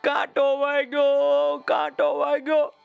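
A man's voice: monotone, takes it slowly, gravelly, faint music behind, full character voice. A man doing a wailing baby ant. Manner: high wailing cries.

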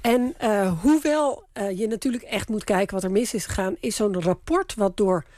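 A woman's voice: medium pitch, moderate pace, darkish tone. A woman who works as a communication adviser, explaining political strategy step by step on a radio panel. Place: radio studio.

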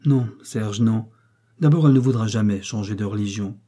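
A man's voice: lowish voice, normal speed, warm tone, slightly rough. A man reading an audiobook, voicing a frightened, guilt-ridden noblewoman who pleads and murmurs hesitantly. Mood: pleading, fearful.

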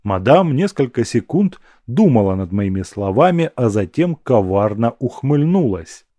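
A man reads a first-person fantasy audiobook in a steady, plain way. His voice sits at a middle pitch for a man. The recording is dry and close, with no room sound. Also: a little slow, no echo. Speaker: audiobook narrator.

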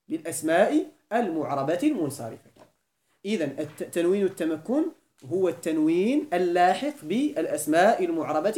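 A man's voice: a little high, mellow. A man with a Moroccan Arabic accent teaching a classroom grammar lesson, quizzing the students with frequent questions and repeating key points. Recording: echoey room.

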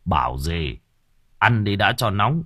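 A man doing a gruff old village shaman. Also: very animated, pushed and bright, no room sound, studio quality, heavily acted. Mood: coaxing. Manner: low, unhurried and coaxing. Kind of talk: audiobook character voice.

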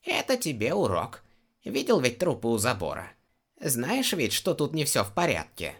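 A man's voice: mid-range voice, wildly swooping pitch, normal speed, vocal fry, fairly bright tone, breathy edge, pitched above the performer's own voice, full character voice. A male audiobook reader voicing a stern, teasing female shaman healer. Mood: scolding. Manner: scolding, teasing.

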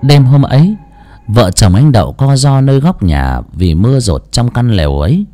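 Man, scripted story narration, lively intonation, expressive. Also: mid-range voice, normal speed, soft background music.

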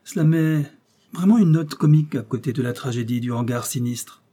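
Man doing a cool confident detective boss, mellow husky voice. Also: medium pitch, a little fast, natural voice. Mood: amused. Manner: composed, amused. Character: calm confident male police chief.

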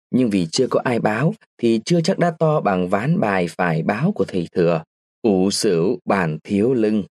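A man reading a short story aloud as a narrator, in a lively storytelling manner with shifts of tone. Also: lowish voice, dry recording, clean studio sound. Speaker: audiobook narrator.

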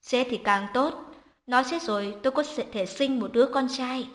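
A woman's voice: high-pitched, moderate pace, roomy sound, natural voice. A woman narrator voicing a cruel, irritable young husband who snaps callously in an audio story. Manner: snapping, callous.

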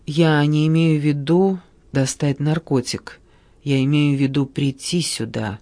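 Man reading as a touchy sick mom snapping back, kinda high, dry close sound. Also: fairly even intonation, a little slow, no echo. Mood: indignant. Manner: sharp, indignant. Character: tense, ill, quick-tempered mother.

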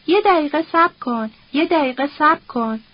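A woman's voice: high voice, lively intonation. A woman reading a scheming older man. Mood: menacing wheedling. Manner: threatening, pleading. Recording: dull lo-fi recording.

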